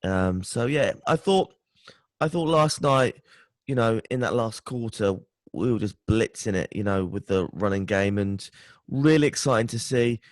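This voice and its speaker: A tired, hungover British man chatting casually about sport as a podcast guest, halting and stumbling over his words. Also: fairly low pitch, lively intonation, no echo. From United Kingdom. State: tired and hungover, short of sleep.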